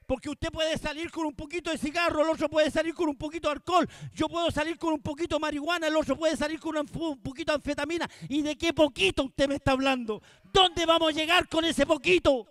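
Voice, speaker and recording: A man preaching with a strikingly high-pitched voice. He swings from shouted proclamations to quiet, intimate asides and hammers phrases through repetition. The sound is dry and close, with no room echo. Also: fairly even intonation, fast talker, hardly any pauses. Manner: repeats phrases for emphasis. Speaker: pastor. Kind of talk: Pentecostal-style sermon.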